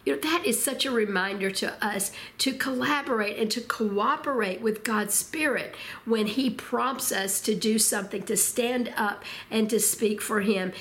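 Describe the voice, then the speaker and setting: A woman preaching a Bible teaching, expressive and slowing down to stress key words, often asking rhetorical questions. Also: fairly high pitch. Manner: expressive, slows for emphasis. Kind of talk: sermon.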